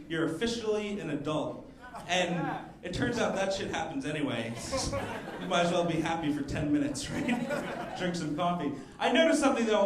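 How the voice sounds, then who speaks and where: A young man doing a stand-up comedy set on a club stage, mixing crowd work and quick asides, speaking into a handheld mic. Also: sits high. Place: comedy club stage before a live audience. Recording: roomy live club sound with audience laughter.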